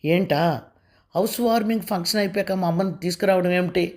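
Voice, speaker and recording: A woman's voice: on the low side, a little fast, darkish tone, lightly acted. A woman voicing a firm, insistent young husband. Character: long-patient young husband, now angry.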